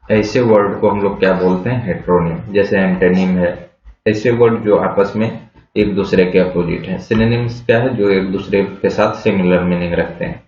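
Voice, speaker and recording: In a muffled, lo-fi recording with an echoey room and slight background noise, a male English vocabulary teacher speaks slowly and patiently in a fairly low, slightly mellow voice. He spells out words one letter at a time and poses questions to his class that he answers on his own.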